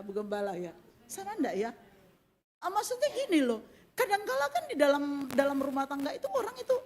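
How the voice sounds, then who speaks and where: A woman preaches with a high-pitched voice. She talks in a chatty, animated way, speaking straight to the women in the congregation and breaking into laughing asides. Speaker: pastor. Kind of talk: sermon.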